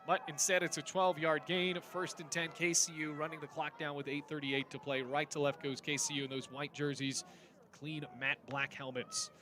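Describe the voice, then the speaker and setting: A man's voice: a little high, level tone, moderate pace, a crowd in the background. A man calling live football play-by-play in clipped, descriptive phrases. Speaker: play-by-play commentator.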